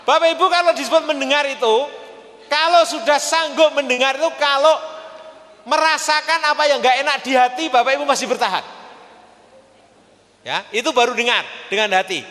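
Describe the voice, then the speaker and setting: High, bright middle-aged male speaker, lively religious talk. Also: normal speed, long pauses. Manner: animated, asks the audience questions. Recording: long hall reverb.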